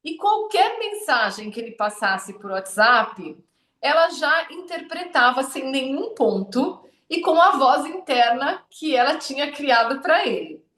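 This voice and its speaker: A woman's voice: sits high, expressive, measured pace, sharp tone, echoey room. A woman hosting a podcast, telling a story in casual chat and acting out the voices of the people she quotes. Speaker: podcast host.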